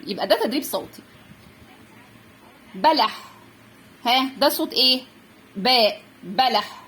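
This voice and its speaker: A young woman with an Egyptian Arabic accent teaches the Arabic letters to parents. Her voice sits high and swings widely, and she draws out each letter sound clearly. A faint hiss runs under the recording. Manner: clear, drawn-out letter sounds with frequent check-ins. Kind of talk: Arabic alphabet lesson for parents.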